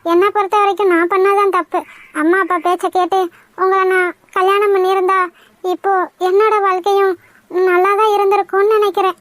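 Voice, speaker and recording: A woman's voice: very high voice, level tone, fairly quick, fairly bright tone, slight background noise. A woman voicing a remorseful young village woman in a cartoon, speaking in sobbing, self-blaming pleas. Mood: regretful. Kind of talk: cartoon voice acting.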